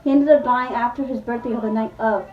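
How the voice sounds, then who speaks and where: A woman's voice: a little high, steady tone, fast talker, distant mic. A woman vlogger casually retelling a movie plot, rambling with lots of "like" and acting out the characters' lines. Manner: rambling, full of "like", acts out quotes. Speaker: beauty vlogger. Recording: echoey room, voice from off-mic, dull sound.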